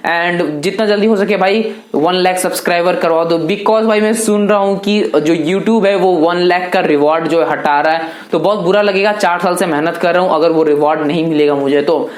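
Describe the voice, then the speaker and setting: A man's voice: high voice, steady tone, normal speed, few pauses. An eighteen-year-old man answering viewer questions in a casual, chatty vlog, loosely talking to viewers as brothers. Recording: echoey room.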